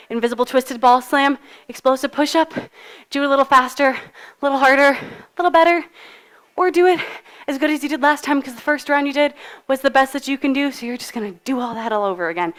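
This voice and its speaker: A woman's voice: high voice, a bit bright, clear, resonant tone. A woman coaching a live workout, out of breath while she cues moves and counts down. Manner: upbeat, encouraging, cues moves while exercising. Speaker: fitness instructor. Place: fitness studio.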